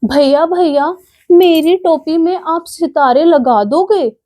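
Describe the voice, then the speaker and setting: A woman voicing a naughty, hot-tempered little male rat in a storybook tale, bossy and boastful, with slow sing-song threats. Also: very high-pitched, warm tone, pitched above the performer's own voice. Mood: cheeky, bossy.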